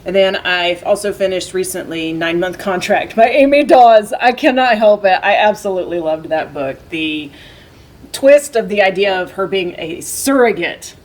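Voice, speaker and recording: A woman's voice: medium pitch, expressive, moderate pace, rough recording. A woman librarian guest co-hosting a casual book chat, playful and giggly in her banter.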